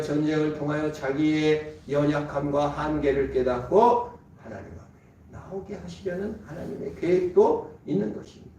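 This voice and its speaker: A man's voice: a little high, warm tone, a little hiss or hum. A man preaching a sermon as a pastor, firing off rhetorical questions and acting out doubters and God in quoted lines. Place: church sanctuary. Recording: echoey church hall from far off.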